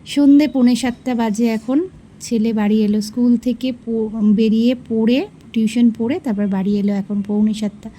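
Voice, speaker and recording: A woman's voice: fairly high pitch, fairly even intonation, moderate pace, dark tone, a little hiss or hum, poor audio. A woman, chatting homely and straight to her viewers while filming around her home on a handheld phone. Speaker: vlogger and homemaker. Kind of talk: casual vlog narration to viewers. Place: home, indoors.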